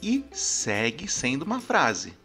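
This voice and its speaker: A man's voice: mid-range voice, wildly swooping pitch, slow, pushed and bright, soft background music. A man teaching a grammar lesson, explaining step by step and often checking in with his listeners. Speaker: language teacher.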